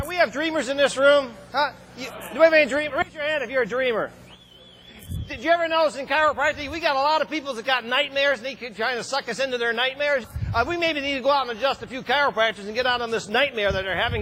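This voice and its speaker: A middle-aged man giving an excitable motivational talk to a live audience, building up to shouted questions. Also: very high voice, fast talker, slight background noise.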